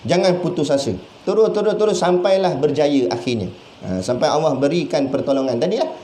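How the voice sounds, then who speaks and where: A man with a Malaysian Malay accent giving a sermon as a religious teacher. He talks in a lively, conversational way, asking questions and acting out little voices. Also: fairly high pitch, fairly quick. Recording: echoey room with faint background noise.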